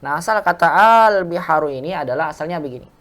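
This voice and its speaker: A woman's voice: low-pitched, fairly quick. A woman teaching an Arabic lesson to a class, explaining step by step and asking the class questions. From Indonesia. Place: mosque classroom.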